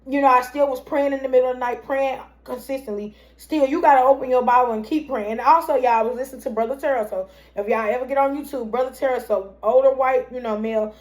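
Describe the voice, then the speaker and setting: Chatty young woman telling a story. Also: high-pitched. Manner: chatty, rambling, addresses viewers as y'all. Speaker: vlogger telling her story. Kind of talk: casual storytime monologue.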